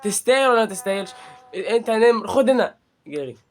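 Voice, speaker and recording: A young Egyptian man with a high voice narrates his gameplay, joking and needling the characters on screen. Faint music plays underneath his commentary. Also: expressive, fast talker. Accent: Egyptian Arabic. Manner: playful, teasing, trash-talking the game. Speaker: gaming channel host.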